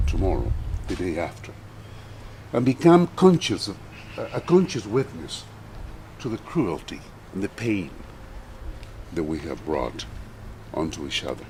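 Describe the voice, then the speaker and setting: An older man from Chile gives a solemn, measured speech at an outdoor memorial. His voice is very low and he talks slowly, with long pauses. A faint hiss and outdoor ambience sit behind him. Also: a little mellow. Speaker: poet. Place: outdoor garden gathering. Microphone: far from the mic.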